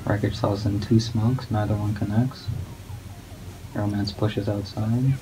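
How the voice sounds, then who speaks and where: Low-voiced man, flat and low-key, calling a game match play by play; clear hiss of noise behind him. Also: measured pace. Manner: monotone, low-key delivery; not much of a talker. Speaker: guest commentator. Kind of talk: esports play-by-play commentary. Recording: steady background noise.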